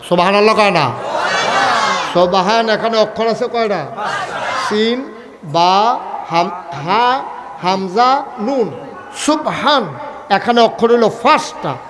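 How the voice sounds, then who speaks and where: A man preaching a waz sermon in colloquial speech, firing questions at the crowd for answers and rising to shouts and chanted lines. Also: sits high, background noise. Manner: calls questions to the crowd for replies; lively, rises to shouts, chants some lines. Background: crowd at an open gathering.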